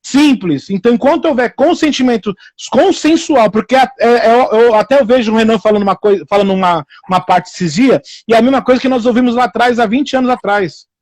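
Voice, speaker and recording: A man's voice: very high voice, fairly quick, hardly any pauses, no echo. A man preaching informally on a live stream, repeating himself and acting out the people he quotes. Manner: repetitive, animated, acts out quoted people in raised voices.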